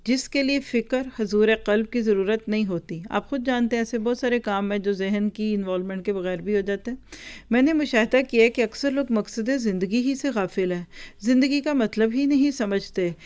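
A woman's voice: on the high side, normal speed, a little mellow, smooth. A woman giving a religious lesson. She reads from a book, explains its words and speaks straight to her listeners. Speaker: religious teacher. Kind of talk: teaching lecture reading and explaining a book.

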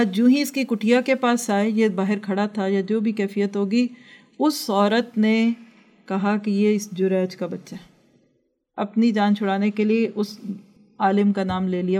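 Mellow-voiced woman preaching earnestly. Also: medium pitch. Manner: earnest, exhorting, recites Arabic verses. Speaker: religious teacher. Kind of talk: sermon with storytelling.

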